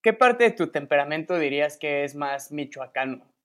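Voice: medium pitch, lively intonation, normal speed. An interviewer asking short, direct questions.

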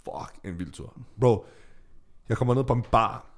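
A young man with a Danish accent, co-hosting a podcast, telling stories in a lively, swearing way and acting out voices. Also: mid-range voice. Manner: animated, swearing, acts out voices in English. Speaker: podcast co-host. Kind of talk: casual storytelling chat.

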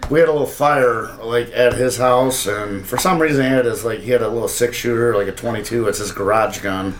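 A man's voice: mid-range voice, fairly quick, slight background noise. A man chatting as a podcast guest, laid-back and rambling, swearing freely as he tells stories. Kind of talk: casual podcast chat.

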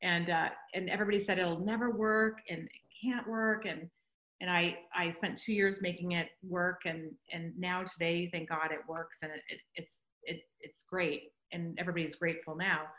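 Earnest woman with a bright voice. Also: lowish voice, flat delivery, normal speed, reverberant. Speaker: guest, business owner. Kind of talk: casual conversation.

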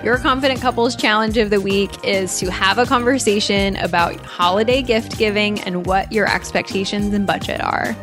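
A woman's voice: medium pitch, steady tone, moderate pace, few pauses, over music. Chatty young woman podcast co-host. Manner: chatty, earnest advice-giving. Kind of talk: casual chat.

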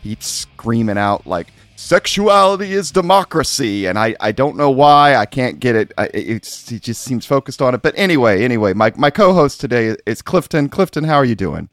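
A man's voice: medium pitch, animated, brisk, few pauses, no room sound, faint music behind. A man hosting a casual podcast chat, joking around, laughing often and trailing off mid-thought. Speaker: podcast host.

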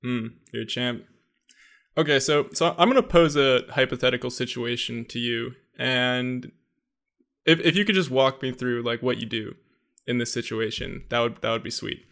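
Laid-back guy hosting a podcast, chill, laughs a lot, medium pitch voice. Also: normal speed, a bit bright. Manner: easygoing, laughs often, poses hypotheticals. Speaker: podcast host. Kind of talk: casual chat.

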